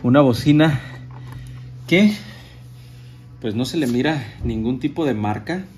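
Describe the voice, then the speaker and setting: A man with a Mexican Spanish accent talks in a mid-range voice through a casual show-and-tell of sound gear. His delivery is relaxed and chatty. He stops and restarts his phrases often as he handles the equipment. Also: mid-range voice, a little slow, slight background noise.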